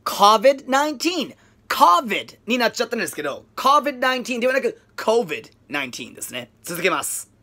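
Lively, bright-voiced male language commentator. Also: high-pitched, fairly quick. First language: English. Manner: energetic, playful, breaks into demonstration readings. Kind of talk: casual language-analysis commentary.

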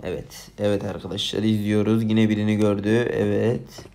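Guy with a low gritty voice ranting over mobile gameplay, annoyed, noisy home mic. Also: level tone, moderate pace, creaky, a little mellow. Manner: exasperated, ranting at a cheater. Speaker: gaming YouTuber. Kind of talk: casual gameplay commentary.

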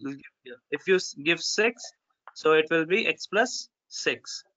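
This is a male teacher with a North Indian accent and a sharp, fairly high voice. He explains step by step in an informal way and often checks with an okay or right. The audio is a little dull, as on an online call. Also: expressive, unhurried. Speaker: programming teacher. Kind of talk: informal step-by-step screen-share tutorial.

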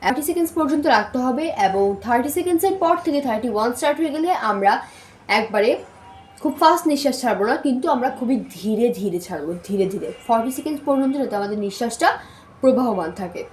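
A woman teaching spoken recitation, sounding out syllables and tongue twisters slowly and mixing in English words. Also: on the high side, lively intonation, a little mellow. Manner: slow, syllable-by-syllable demonstrations mixed with English words. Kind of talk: spoken recitation lesson with drills. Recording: echoey room with faint noise.

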